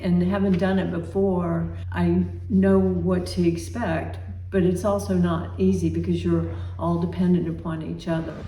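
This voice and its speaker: A woman in her seventies speaking calmly and reflectively in a documentary interview. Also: on the low side, a little slow, hardly any pauses. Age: 70s. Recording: roomy and distant with faint noise.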